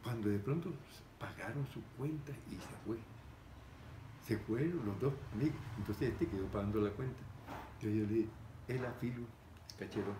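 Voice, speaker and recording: This older man's pitch is fairly low and his speed normal as he shares a story conversationally. Lively and full of gestures, he performs the voices of the people involved. He sits at a table indoors among framed pictures, and the room sounds echoey with noise behind him.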